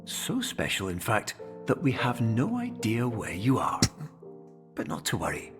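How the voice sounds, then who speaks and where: A man's voice: lowish voice, huge pitch swings, measured pace, over music. An actor playing a cheery male doctor in a recorded game message, speaking in a reassuring way. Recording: game audio with long reverb.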